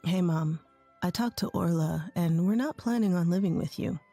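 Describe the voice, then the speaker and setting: A woman voicing a calm, supportive young husband who speaks firmly and matter-of-factly. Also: fairly low pitch, moderate pace, faint music behind.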